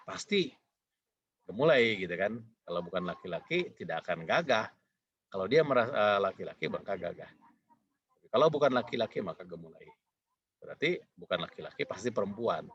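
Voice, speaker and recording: A man's voice: lowish voice, big pitch swings, moderate pace, pauses often, a bit bright, husky, muffled recording. A man giving a recorded programming lecture, talking in a rambling, repetitive way with many fillers.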